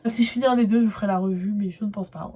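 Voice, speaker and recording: A woman's voice: medium pitch, rapid-fire, slightly rough. Chatty young French booktuber woman. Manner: chatty and animated, heavy use of filler words, bursts of excitement. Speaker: booktuber reviewing her reads. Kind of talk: casual book review vlog.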